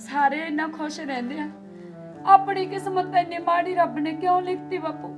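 Actress: tearful young married daughter, high-pitched, pleading, crying throughout. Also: female voice, fairly even intonation, moderate pace, music in the background. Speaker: daughter visiting her father.

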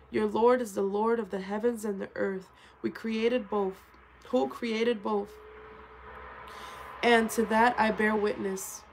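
A woman's voice: medium pitch, slight background noise, poor audio. A woman reading a scripture translation aloud, calling out verse numbers and stumbling over words, then correcting herself as she goes. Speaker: scripture reader.

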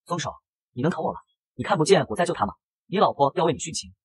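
A man voicing a feisty, sharp-tongued young maid in a comic recap, scolding and sassy. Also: fairly high pitch, expressive, very fast, breathy edge, no echo.

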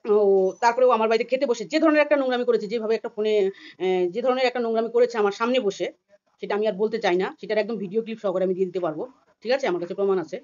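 A woman from India ranting fast and agitatedly in a personal vlog, often acting out other people's words. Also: fairly high pitch, a little mellow, highs cut off. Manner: rapid and agitated, acting out quoted voices. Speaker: vlogger. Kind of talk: heated personal vlog rant.

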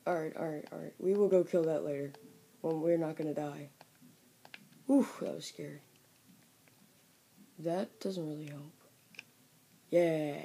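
A woman giving chatty, jokey commentary on her game and talking to viewers, with excitable outbursts as she plays at home. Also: low-pitched, creaky, breathy edge. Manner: excitable outbursts during play. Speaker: gaming video creator. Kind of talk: let's play game commentary.

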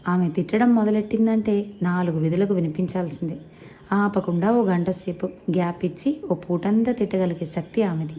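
Lower-voiced woman narrating a story. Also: highs cut off, a little hiss or hum. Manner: lively, expressive storytelling.

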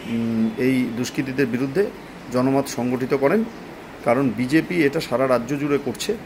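A man gives a political statement in a halting, deliberate way, speaking into a phone at arm's length in a small room. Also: mid-range voice, slight background noise, rough recording. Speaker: local political party leader. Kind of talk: spoken political statement to camera.

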